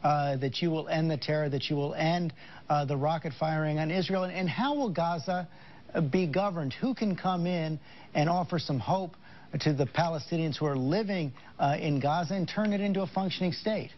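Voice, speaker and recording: A man's voice: a little high, normal speed, slight background noise. A man working as a news interviewer, putting formal, probing questions. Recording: dull lo-fi audio.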